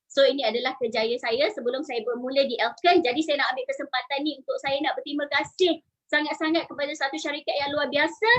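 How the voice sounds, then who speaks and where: A woman in her forties with a Malaysian Malay accent, a salon owner giving an energetic live-stream talk and urging her viewers to join in, with English phrases mixed in. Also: high-pitched, muffled recording. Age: 40s. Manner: energetic, urges the audience, mixes in English phrases.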